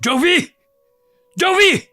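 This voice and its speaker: A furious young husband rails at his sister over his cursed wife, his voice high and strained. The recording is dry and close, like a horror radio play. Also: normal speed, no echo. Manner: furious and accusing.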